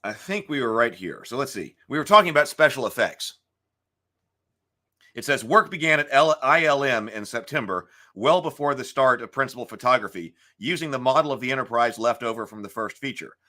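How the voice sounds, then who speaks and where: With a voice gone gravelly today, a middle-aged man hosts a casual morning stream, clearing his throat a lot and musing aloud with fillers. He is expressive and brisk, his medium-pitched voice bright and forceful.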